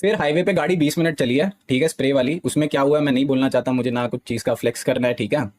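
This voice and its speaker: A man's voice: mid-range voice, quick pace, darkish tone. A young man, a gaming streamer, explaining a dispute insistently to his live-stream chat. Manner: insistent, repeats "theek hai" often.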